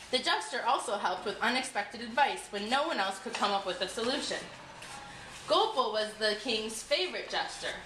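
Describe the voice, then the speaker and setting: A woman with a fairly high, sharp-toned voice reads a folktale aloud from a script in a storyteller's manner. She's recorded in an echoey room with clear background noise.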